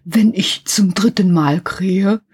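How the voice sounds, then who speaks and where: A woman voicing a big golden rooster on a church tower, calling down slowly and matter-of-factly. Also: mid-range voice, darkish tone, slightly rough. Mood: calm.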